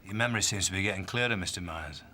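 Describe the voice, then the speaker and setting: An actor playing a senior British detective in a TV police drama, a terse tough cop with a commanding, sardonic edge. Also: male voice, sits low, racing, bright, forceful tone, a little hiss or hum. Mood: controlled, sardonic. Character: male senior detective, brisk, controlled, quietly sardonic.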